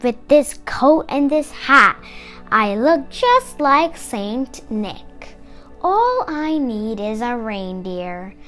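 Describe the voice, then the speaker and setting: A woman's voice: on the high side, big pitch swings, drawn-out words, fairly bright tone, faint music behind, full character voice. A woman voicing a grumpy, scheming male storybook creature who hates Christmas, with a sneering delivery. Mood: sly, scheming. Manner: sneering, muttering, slyly emphatic.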